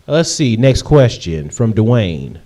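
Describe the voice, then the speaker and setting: A young man in his late twenties with a lowish, mellow voice answers viewer questions in a relaxed vlog. He talks in a chatty, rambling way, repeating himself and filling pauses with ums. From Michigan, USA. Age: 20s. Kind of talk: casual Q&A vlog.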